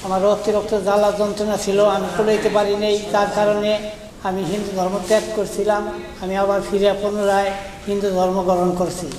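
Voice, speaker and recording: A man giving a plain, halting public statement at a village gathering. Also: high-pitched, completely flat delivery, a little mellow. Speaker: man returning to his religion. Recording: distant, echoey, crowd behind.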